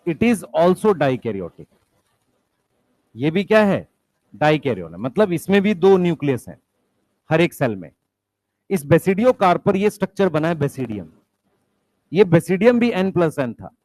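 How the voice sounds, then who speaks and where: With no room sound, a man whose voice is on the high side and a little mellow teaches biology. Mixing English scientific vocabulary into his Hindi, he asks the class questions, supplies the answers himself, and keeps summoning the students' attention.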